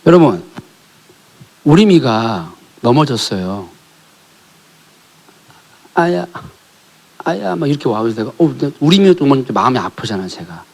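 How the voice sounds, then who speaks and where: With a sing-song, creaky mid-range voice at normal speed, a male pastor preaches in a church sanctuary and pauses often. He tells a family story and questions the congregation, ranging from emphatic calls to hushed near-whispers.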